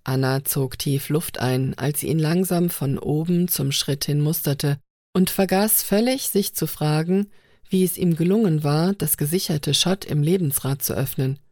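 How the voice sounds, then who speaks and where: A woman narrating an audiobook in steady, even storytelling. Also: low voice, a little slow, dry recording, studio quality.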